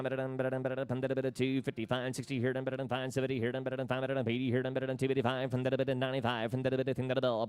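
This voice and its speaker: A man working as a livestock auctioneer, calling bids in a rapid rolling chant full of repeated filler words. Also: mid-range voice, a little mellow, smooth, dry recording. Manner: rolling, repetitive filler-word patter between bids.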